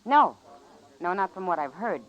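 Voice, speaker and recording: An actress with an American accent voices a worldly, easygoing saloon woman in an old-time radio western, sounding chatty, familiar, gossipy and frank. Her voice is medium-pitched, expressive and natural, at normal speed, and the recording is muffled.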